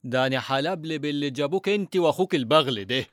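Man acting blustering, high-pitched Egyptian father. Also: animated, rapid-fire, no echo, studio quality, lightly acted. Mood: angry. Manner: blustering, exclaiming. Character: superstitious, hot-tempered Egyptian father, easily spooked. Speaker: actor in a radio serial. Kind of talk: Egyptian radio comedy drama acting.

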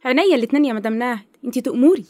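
An actress playing an eager, fawning housemaid. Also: female voice, fairly high pitch, expressive, mellow, lightly acted. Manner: fawning, talkative, very quick. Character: eager, chatty female housemaid.

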